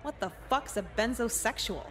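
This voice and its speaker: An actress voicing an apathetic, sarcastic teenage girl in a video game, deadpan and crude. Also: a little high, moderate pace.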